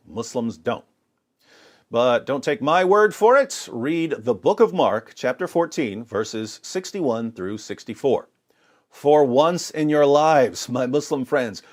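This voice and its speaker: In a medium-pitched voice, a man delivers combative religious commentary laced with scripture readings, playing it emphatic, sarcastic and theatrical.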